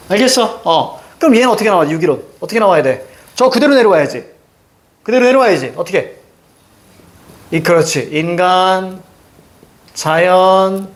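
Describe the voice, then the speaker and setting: Animated, high-pitched male teacher quizzing. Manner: emphatic, quizzing students with constant check-ins. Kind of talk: Korean reading lesson.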